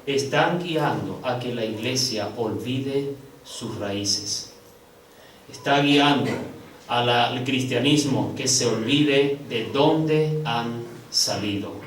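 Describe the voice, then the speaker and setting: In this sermon, a man of the cloth calls his listeners brothers and lends weight to his words with slow, drawn-out stresses. His delivery jumps between high, soaring peaks and hushed low lulls. A distant mic catches the echoing hall, along with slight hiss or hum.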